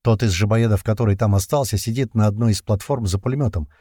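A man narrating a first-person action audiobook, tense and urgent, loudly shouting the characters' lines. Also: fairly low pitch, fast talker, no room sound, studio quality.

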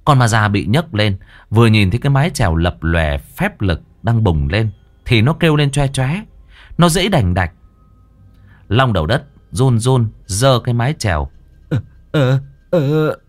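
A man's voice: fairly low pitch, big pitch swings, moderate pace. A man narrating a ghost story in a dramatic storytelling manner.

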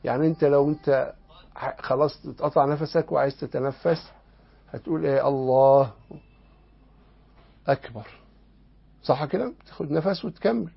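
A man's voice: fairly high pitch, fairly quick, vocal fry, breathy edge. A man with an Egyptian Arabic accent teaching a lesson on Islamic law, explaining a text and asking his listeners rhetorical questions. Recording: dull lo-fi lesson recording.

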